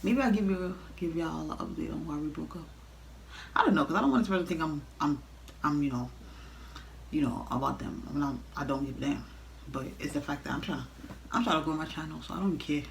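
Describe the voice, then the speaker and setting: Blunt young woman on an animated storytime rant. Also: low voice, brisk, creaky, a little hiss or hum, rough recording. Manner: blunt, exasperated, sweary, talking straight to viewers. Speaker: storytime vlogger.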